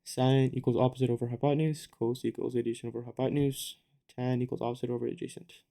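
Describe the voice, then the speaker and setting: A young man giving a casual physics lesson at a board, relaxed, with joking asides and quick self-corrections. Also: mid-range voice, vocal fry. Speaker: physics tutor.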